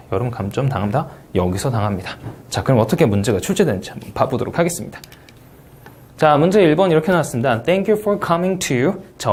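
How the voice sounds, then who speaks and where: Animated Korean man teaching test prep. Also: mid-range voice. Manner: animated, asks and answers his own questions. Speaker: TOEIC Speaking instructor. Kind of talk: recorded exam review lecture.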